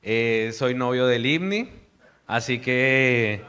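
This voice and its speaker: Young man from Colombia, preaching sermon, bright voice, crisp and resonant. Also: mid-range voice, takes it slowly. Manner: earnest, warm preaching with hushed prayer. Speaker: missionary preacher.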